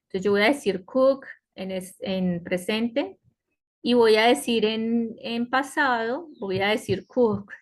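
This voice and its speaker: Slow, patient woman teaching online. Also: on the high side. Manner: slow, patient explaining with frequent checks like "¿cierto?". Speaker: English teacher. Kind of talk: online class lecture. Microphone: computer mic on a web conference.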